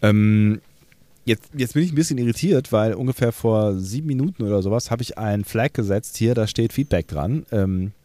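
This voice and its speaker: A man with a fairly low voice co-hosting a casual podcast. He banters and teases, laughing often, and the recording is dry and close. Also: normal speed, mellow, no echo. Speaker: podcast co-host.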